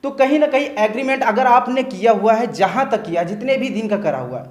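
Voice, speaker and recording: A man's voice: very high voice, animated, fairly quick, reverberant. A man who is a teacher giving his earnest opinion in a discussion, often checking in with listeners as he talks. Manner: earnest, repeats "theek hai" as a check-in.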